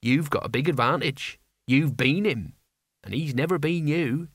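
A man's voice: fairly high pitch, unhurried, fairly bright tone, dry recording, studio quality. A man voicing a wry inner voice, a young man's own thoughts, spoken casually in an audiobook.

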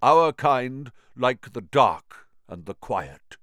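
Aragog, a man voicing a croaking ancient spider. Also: medium pitch, sing-song, a bit bright, no room sound, studio quality, exaggerated voice. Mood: grave. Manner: slow, solemn, clicking menace. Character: ancient giant male spider, grave and fretful.

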